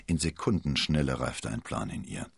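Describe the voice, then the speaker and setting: A man narrating a storybook with expressive, dramatic delivery and a husky voice. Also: a bass voice, moderate pace, no room sound, studio quality.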